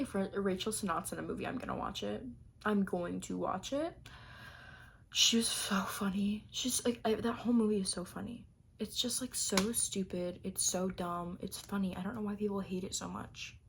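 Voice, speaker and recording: A woman's voice: medium pitch, normal speed, creaky, a little hiss or hum. A young adult woman chatting casually to camera about her favorite things of the year, gushing and rambling with plenty of fillers. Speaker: vlogger.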